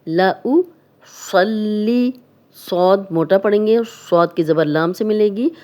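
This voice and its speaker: A woman with a Pakistani Urdu accent teaching Quran recitation, explaining each rule patiently step by step and drawing out recited words slowly. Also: on the low side, a little mellow. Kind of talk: Urdu tajweed lesson, explaining and demonstrating recitation.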